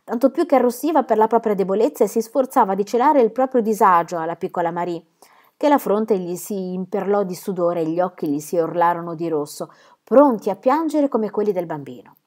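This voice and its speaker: A woman reading a classic novel aloud as an audiobook, with expressive storytelling. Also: mid-range voice, fairly quick. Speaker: audiobook reader.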